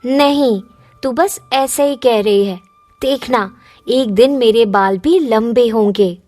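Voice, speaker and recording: Spoiled jealous cartoon girl, shrill, bossy, mocking, voiced by a woman. Very high, dry. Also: takes it slowly, dark tone, dry recording. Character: spoiled jealous teenage girl, sharp-tongued. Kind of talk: cartoon dubbing.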